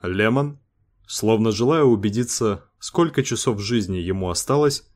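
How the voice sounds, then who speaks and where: A man narrating a science-fiction story in a measured, even way. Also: on the low side. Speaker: audiobook narrator.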